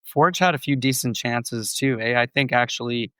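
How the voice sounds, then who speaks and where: This studio-quality clip, with no room sound, features a man's mid-range voice, a bit bright and clean. He's a co-host on a casual sports podcast, thoughtfully and steadily dissecting match plays as his voice recovers from a cold.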